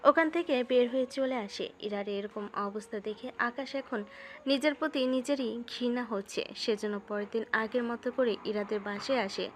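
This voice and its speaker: Higher-pitched woman narrating romantic fiction. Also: moderate pace, a little hiss or hum. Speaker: story narrator. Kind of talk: scripted narration of a romantic story.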